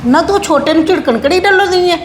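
Woman playing a stern high-voiced grandmother. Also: animated, fast, a crowd in the background, noisy background. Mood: firm. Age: older. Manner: firm, scolding, commanding. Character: stern older grandmother who sides with the boy. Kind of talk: family drama acting. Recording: echoey room.

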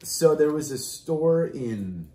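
A middle-aged man co-hosting a comic collecting show, chatting loudly and eagerly about his finds while seated at a table in a room full of comic shelves. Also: a little high, slow. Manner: loud, animated and enthusiastic. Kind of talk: casual chat showing off comic finds. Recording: roomy echo.

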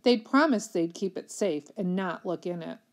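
Reader: woman, lowish voice, steady read-aloud of a children's novel. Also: normal speed.

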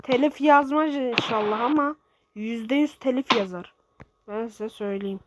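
A woman giving excitable, swearing commentary while playing a football video game, shouting at her players. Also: a little high, a little slow. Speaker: gaming streamer. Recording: loud background noise with clicks.

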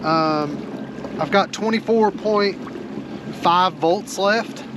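A man in his forties with a fairly high voice hosts his fishing vlog outdoors, sitting in a kayak on a small lake. He talks casually and loosely, with plenty of fillers, into an action camera mounted close in front of him. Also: takes it slowly, background noise. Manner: relaxed, chatty, lots of "uh" fillers. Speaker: fishing channel host.

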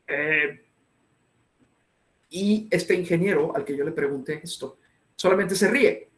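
A man's voice: on the high side, slow pace, a bit bright, roomy sound. A man giving an interactive online lecture, asking his audience many questions. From northern Mexico. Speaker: webinar speaker.

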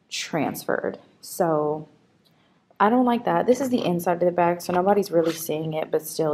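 A young woman talks to her camera in a relaxed, chatty vlog style, her voice sitting a little low. She rambles, circles back, and leans on fillers as she goes. A faint hiss of background noise sits under her voice. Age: young adult. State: out of breath. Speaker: vlogger. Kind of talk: casual vlog chat to camera.

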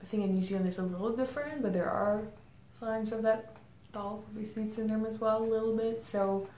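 Speaking as an interview guest, a marketing head from the Czech Republic offers thoughtful, reflective answers punctuated by many "um"s. Her voice is a little high, steady and mellow. The indoor setting has a plain grey backdrop, with roomy echo and faint ambient noise on the recording.

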